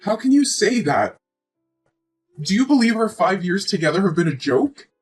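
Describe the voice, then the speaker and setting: Faint music plays behind a woman in her twenties whose husky, darkish medium-pitched voice moves in a sing-song way at normal speed. She plays a pregnant girlfriend in a scripted relationship drama, newly aware of the pregnancy and emotionally pleading, wounded and reproachful.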